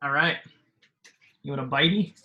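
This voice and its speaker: A game master running a tabletop game, relaxed and thinking aloud with fillers. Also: mid-range voice, normal speed, narrow, tinny audio.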